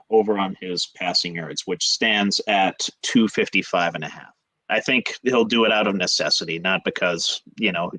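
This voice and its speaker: A man on a sports podcast talks through his picks in an easy, casual way. His delivery is relaxed and loose, with frequent "uh" fillers as he hedges. The voice sounds dry, with no room echo. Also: fairly low pitch. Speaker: podcast co-host.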